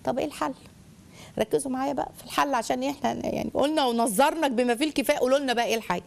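Rapid-talking Egyptian woman lecturing on parenting. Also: high-pitched, creaky. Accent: Egyptian Arabic. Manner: animated, addresses listeners directly and acts out examples.

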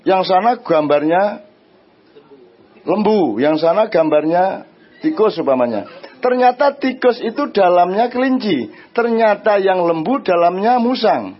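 A man with an East Javanese accent speaking to an audience. He answers their questions in a lively, conversational way and often asks them "right?". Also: high-pitched, measured pace, husky, lo-fi sound. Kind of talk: religious and social talk before an audience.

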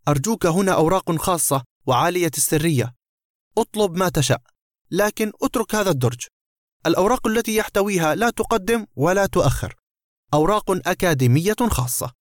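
A man's voice: fairly high pitch, expressive, fast, dry recording, studio quality, natural voice. A man voicing a pompous, pleading academic. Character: pompous male academic writer, frightened.

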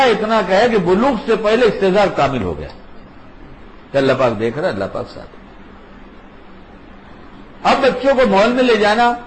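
A man's voice: high voice, a little hiss or hum, rough recording. An older man, a grandfather, giving an informal religious talk in an emphatic, conversational way and repeating his key points. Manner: repetitive, emphatic, conversational teaching. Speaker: religious speaker.

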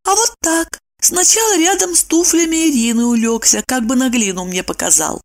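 A woman reading an audiobook, voicing a squeaky, fretful woman who frets and scolds. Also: normal speed, gravelly. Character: fussy anxious woman, squeaky, superstitious.

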